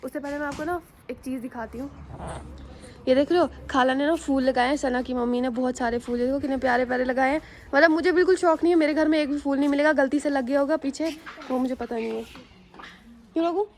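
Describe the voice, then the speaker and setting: High-voiced chatty woman vlogger. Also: fast talker, slight background noise. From Jammu and Kashmir, India. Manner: chatty, rambling, addresses viewers as "guys". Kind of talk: casual vlog storytelling to viewers. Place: outdoors on a rooftop and at a school ground.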